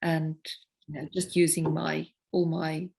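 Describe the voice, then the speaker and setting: A South African woman whose first language is Afrikaans speaks English with a South African accent as a singer-songwriter guest in a casual interview. She talks about her work reflectively and unhurriedly, often pausing to find words. Her voice is low-pitched, level, gravelly and a little mellow.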